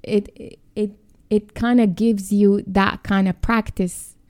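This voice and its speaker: A woman gently guiding a calm mindfulness and grounding exercise as a podcast host and coach, with a halting, instructive delivery. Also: mid-range voice.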